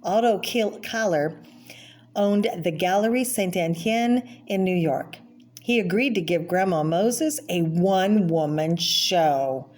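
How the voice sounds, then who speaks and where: A woman reads a children's picture book aloud in a lowish, slightly mellow voice, with slight background noise. She takes an explanatory approach, breaking off to name the pictures and comment on them informally.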